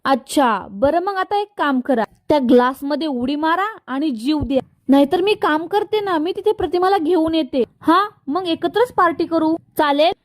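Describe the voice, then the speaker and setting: A woman's voice: high voice, moderate pace, few pauses, no room sound, studio quality, pitched above the performer's own voice, natural voice. A woman reading out a defiant young woman taunting a villain on the phone.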